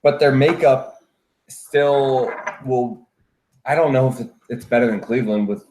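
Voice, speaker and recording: A man's voice: mid-range voice, unhurried, darkish tone, slight background noise. A man chatting casually about basketball as a fan on a sports panel. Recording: roomy echoing room sound.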